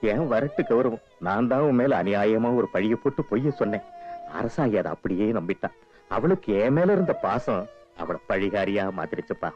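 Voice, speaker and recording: A man's voice: on the low side, lively intonation, fairly quick, darkish tone, close to an everyday voice. An actor playing an older village father who pleads remorsefully in a film drama scene. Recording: muffled film soundtrack with music.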